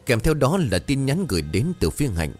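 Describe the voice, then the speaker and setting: A man's voice: mid-range voice, sing-song, a little fast, a little mellow. A man narrating a ghost story and voicing its characters in the dialogue. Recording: faint music behind.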